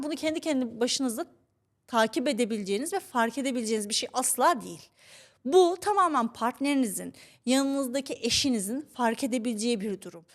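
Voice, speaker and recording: A young adult woman co-hosting a podcast, telling stories in an animated, exasperated way. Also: on the high side. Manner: animated, exasperated storytelling with laughs. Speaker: podcast co-host. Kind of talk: casual chat, storytelling.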